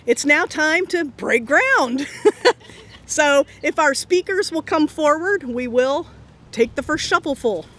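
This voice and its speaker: A woman's voice: sits high, animated, slow, fairly bright tone. A woman acting as emcee, giving brief, welcoming introductions at an outdoor event. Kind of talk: event hosting.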